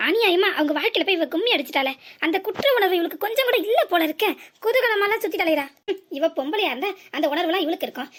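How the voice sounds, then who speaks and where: A woman's voice: very high-pitched, fairly bright tone. A woman voicing a bitter, scheming cartoon woman who taunts and vows revenge, with a southern Tamil accent.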